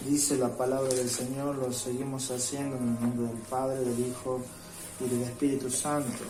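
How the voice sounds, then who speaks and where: A man gives a home devotional sermon at a mid-range pitch. He reads verses slowly and checks in with his listeners with a repeated "¿sí?". The sound is roomy and echoey, with soft music underneath. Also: little pitch movement. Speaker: preacher. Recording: roomy echo with faint music.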